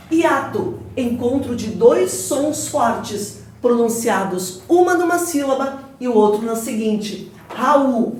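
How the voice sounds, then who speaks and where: A woman's voice: fairly high pitch, darkish tone, slight background noise. A Brazilian woman teaching an exam-prep grammar lecture to a class, firing questions and drilling answers in call-and-response. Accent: Brazilian Portuguese. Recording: echoey classroom, mic at a distance.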